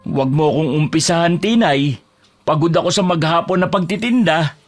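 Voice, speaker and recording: An actor playing a tired fish-vendor husband, respectful with customers and exasperated at home. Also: male voice, a little high, brisk, faint music behind, lightly acted. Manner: respectful with elders, exasperated with wife.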